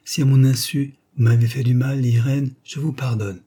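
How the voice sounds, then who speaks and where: A man reading the part of a dying old woman who speaks in halting, breathless pleas that drop to whispers. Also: medium pitch, little pitch movement, warm tone, slightly rough, pitched above the performer's own voice, natural voice. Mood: pleading.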